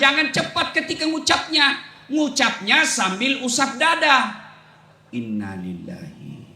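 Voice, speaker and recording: A man with a Makassar accent giving a humorous sermon, joking with the crowd and breaking into low drawn-out recitation and song snippets. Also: pushed and bright. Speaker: preacher. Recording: echoey live event sound.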